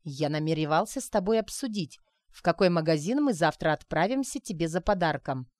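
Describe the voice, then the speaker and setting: A woman's voice: fairly low pitch, lively intonation, brisk, a little mellow, no room sound, clean studio sound, close to an everyday voice. A woman voicing a firm, insistent husband. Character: firm married man, commanding to his wife.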